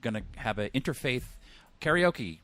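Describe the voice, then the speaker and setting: A man's voice: mid-range voice, normal speed, no echo. A man hosting a live radio show, chatting casually, swearing freely and laughing often. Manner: profane, excitable, laughs often.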